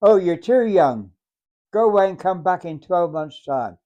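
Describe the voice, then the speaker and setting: An elderly man acting out a burly male sergeant major from a war story: curt, commanding, mellow-edged, muffled recording. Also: high-pitched, animated, a little slow. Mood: brusque, stern. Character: big hefty brusque male army sergeant major.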